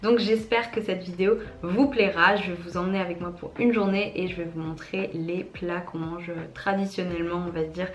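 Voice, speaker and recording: A woman's voice: fairly low pitch, steady tone, moderate pace, few pauses, slight background noise. A young woman narrating a casual food vlog, gushing with enthusiasm about each dish. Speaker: food vlogger.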